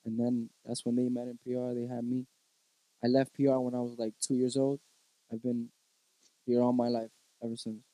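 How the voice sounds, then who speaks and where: A man in his thirties from Puerto Rico, a musician guest chatting casually, relaxed and laughing often, dropping in Spanish words. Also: mid-range voice, normal speed, no room sound, poor audio. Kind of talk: casual chat.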